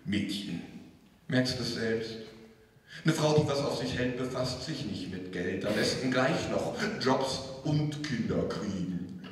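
A man's voice: mid-range voice, lively intonation, a little slow, a little hiss or hum. Young man, slam poet, handheld mic, small club stage, roomy long reverb. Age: young adult. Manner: rhythmic rhyming delivery, stammers and laughs at himself. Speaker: poetry slam performer. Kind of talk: spoken word poetry performance. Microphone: handheld microphone. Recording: roomy live hall from a distance.

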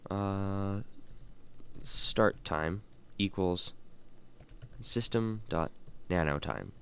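A tired man teaching a coding lesson, thinking aloud with many fillers and reading code out slowly. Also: low voice, a bit bright, slight background noise. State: tired and yawning. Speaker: programming tutorial host. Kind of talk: casual screen-recorded coding lesson.

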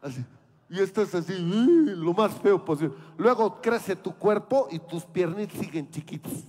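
A man's voice: sits high, unhurried. A man, telling a comedy story on stage and acting out the voices. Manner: animated, acts out voices. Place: outdoor fair stage.

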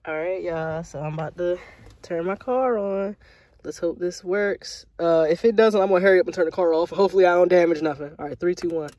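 A young adult American vlogger with a dark, lowish voice speaks fairly quickly as she films a casual DIY chat on her handheld phone. She thinks aloud informally while moving in and out of a parked car.

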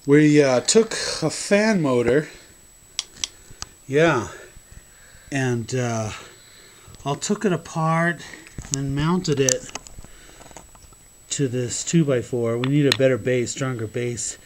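Man thinking aloud on a noisy home video. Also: mid-range voice. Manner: halting, thinking aloud with fillers and restarts. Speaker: hobby builder demonstrating a prototype. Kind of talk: casual home-video demo. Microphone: handheld camera mic.

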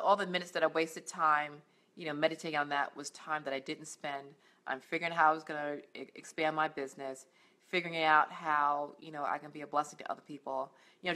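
Speaking quickly in a low, steady voice with a bit of brightness, this middle-aged life coach records a faith-based motivational vlog from her couch at home. She addresses the camera earnestly and encouragingly, often using fillers and starting over.

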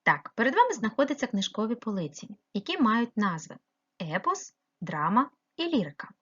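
Female primary teacher, patient and questioning, breathy voice, muffled recording. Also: fairly high pitch, very animated, moderate pace, a bit bright. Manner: patient, questioning, explaining step by step. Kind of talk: remote lesson narration.

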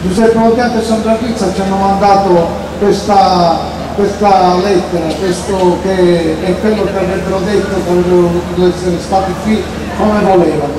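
An older man in his sixties hosts a rally in a high voice. He speaks through an outdoor PA with very strong echo, heard from a distance over clear noise. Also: fairly even intonation, normal speed, hardly any pauses. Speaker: rally host introducing speakers. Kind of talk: public speech, later reading a letter aloud. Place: outdoor stage in a town square at night. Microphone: handheld mic through PA, recorded by far camera. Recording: echoing outdoor PA, distant and noisy.

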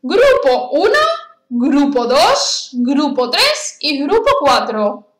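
A young woman teaching a language lesson to children, repeating each word slowly and clearly and praising along the way. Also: high-pitched, very animated, reverberant. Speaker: Spanish teacher. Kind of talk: slow, repetitive lesson for children.

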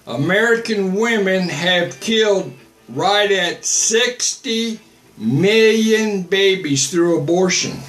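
A man's voice: high-pitched, a bit bright, roomy sound. An older man, a missionary, hosting a home livestream, answering viewer comments in a blunt, repetitive way from a small home office. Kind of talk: livestream preaching and chat. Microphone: webcam at desk.

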